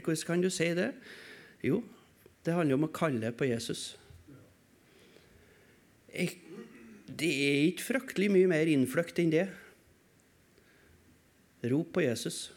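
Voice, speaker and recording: A man preaching a sermon in a church service, asking rhetorical questions and swinging between raised calls and quiet, low passages. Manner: emphatic, asks rhetorical questions and answers them.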